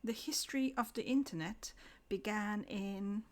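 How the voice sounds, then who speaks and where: A woman giving a scripted English lesson, slowing down to pronounce example words carefully. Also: medium pitch, a little mellow. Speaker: English teacher.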